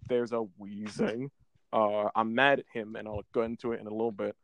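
A man's voice: fairly low pitch, steady tone, brisk, dry recording, dull audio. A man co-hosting a casual podcast about a video game, rambling and often stumbling over his words. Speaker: podcast co-host.

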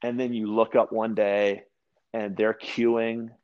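A man from Louisiana, a podcast guest, telling casual stories with lots of restarts and animated asides. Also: on the low side, slow, clear, resonant tone, lo-fi sound. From Louisiana, USA. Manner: rambling, animated anecdotes with frequent restarts. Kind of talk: casual storytelling conversation.

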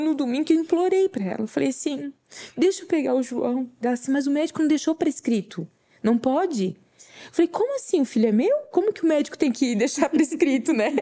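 A woman shares a heartfelt faith testimony. Her voice sits a little high and sounds mellow and warm. She speaks earnestly, replaying her own words as she tells the story. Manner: earnest, tearful at times, acts out her own quoted words. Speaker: podcast guest.

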